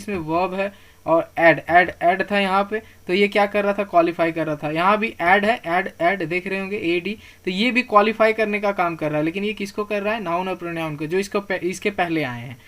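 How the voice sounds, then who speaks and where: A man's voice: high voice, fairly bright tone. Hindi-speaking man teaching grammar. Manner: repeats key terms slowly to drill pronunciation; asks questions and answers them himself. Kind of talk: explaining grammar terms on slides.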